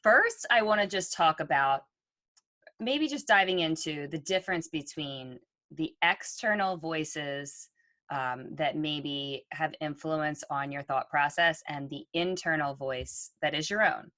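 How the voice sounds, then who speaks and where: This podcast co-host speaks in a low-pitched, unhurried voice with a sharp edge, captured dry. Her talk is conversational, earnest and thoughtful, sprinkled with ums.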